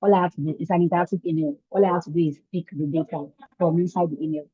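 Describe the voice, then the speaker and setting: A woman comes through as a webinar panelist on a choppy online call whose audio keeps breaking up. Her voice is husky and sits a little low, squeezed into a tinny, phone-like band with a dry, close sound. She talks haltingly, with plenty of ums and restarts. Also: steady tone, dry recording. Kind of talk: unscripted webinar answer. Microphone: remote computer or phone call.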